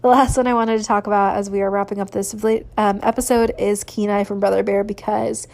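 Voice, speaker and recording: A woman's voice: mid-range voice, level tone, a little fast, creaky, darkish tone. A woman hosting a podcast, chatting casually and sentimentally, gushing with lots of fillers. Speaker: podcast host. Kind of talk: casual solo podcast chat.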